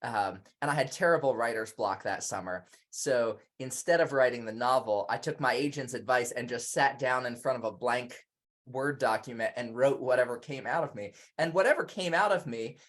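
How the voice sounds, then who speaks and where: A man's voice: medium pitch, moderate pace, fairly bright tone. Chatty, self-deprecating man guest. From Indonesia. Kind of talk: casual conversation.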